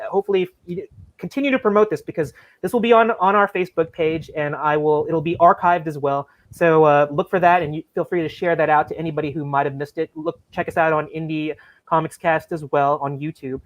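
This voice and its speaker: High-voiced rambling male podcast host. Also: fairly even intonation, quick pace, no room sound, lo-fi sound. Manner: apologetic, rambling with many fillers. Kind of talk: casual video-call chat.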